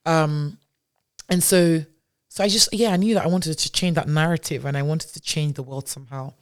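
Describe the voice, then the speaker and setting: Her voice sits low and moves at an ordinary pace as she tells casual interview stories as a podcast guest. Raised in Nigeria and now a tech founder, she talks chattily, with plenty of fillers and restarts.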